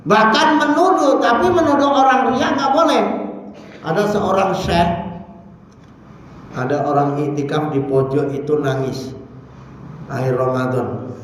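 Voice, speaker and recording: A man with a high voice preaches at dawn in a mosque, teasing and lively. He jumps from loud stressed words to low asides. The sound is heavily echoed, with a faint hum behind it. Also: unhurried, pauses often. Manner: teasing, asks the audience questions.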